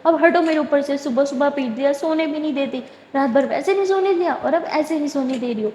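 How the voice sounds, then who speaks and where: A woman voicing a tough, teasing young biker woman who talks in a lower, offhand way, recorded in an echoey room. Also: warm tone, slight background noise, natural voice. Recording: echoey room with long reverb.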